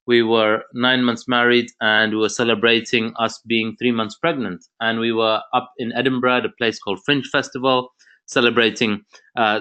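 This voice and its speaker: A man's voice: medium pitch, bright, forceful tone. A man from Zambia giving an earnest motivational presentation on a video call, talking in long, flowing sentences. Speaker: presenter of an online info session.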